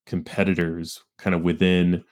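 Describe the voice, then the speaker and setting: A man co-hosting a podcast, discussing a film in a halting way, often stumbling and repeating words. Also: low-pitched, completely flat delivery, a little mellow. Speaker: podcast co-host.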